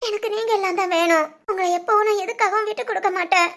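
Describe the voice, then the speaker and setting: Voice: very high voice, steady tone, fast talker, fairly bright tone. A performer voicing a tearful young woman in a cartoon, a devoted younger sister who pleads emotionally and insists on her choice. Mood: tearful resolve. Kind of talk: cartoon voice acting.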